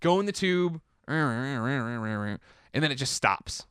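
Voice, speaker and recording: A young man from the Chicago area telling a long personal story in casual chat, rambling and animated, acting out quotes. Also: slow pace, clean tone, no echo, studio quality. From Chicago area, United States. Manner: rambling, animated, acts out quotes with big pitch jumps.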